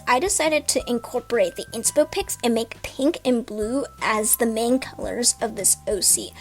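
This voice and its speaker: A woman with a high, light voice chats enthusiastically as an artist vlogger. She addresses her viewers directly in a casual tone. Soft music plays faintly behind her. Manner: chatty, enthusiastic, talks straight to viewers. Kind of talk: casual vlog chat and voice-over narration.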